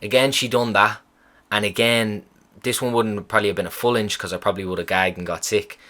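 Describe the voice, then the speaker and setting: Guy, lowish voice, chatty podcast storytelling, swears a lot. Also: brisk. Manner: profane, animated retelling of a hospital visit. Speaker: podcast host. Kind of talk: casual storytelling.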